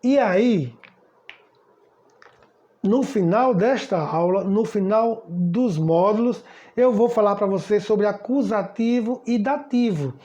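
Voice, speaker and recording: A man's voice: sits high, takes it slowly, warm tone. A man teaching German in a casual spoken lesson, often asking "tá certo?" and repeating words as he goes. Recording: slightly dull lo-fi sound.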